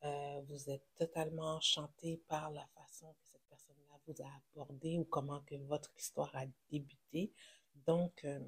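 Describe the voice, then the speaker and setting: A tarot reader with a Québécois French accent gives a casual, reassuring reading to viewers. The speech is halting, with many fillers and self-corrections. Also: medium pitch, flat delivery, husky.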